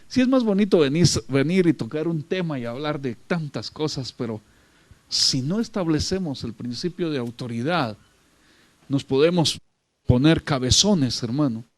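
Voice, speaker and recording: A high-pitched man preaching with emphatic, repetitive phrasing. He keeps calling out to his listeners as brother. The sound is dry and close, with little room. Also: expressive, moderate pace, no room sound. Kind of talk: sermon.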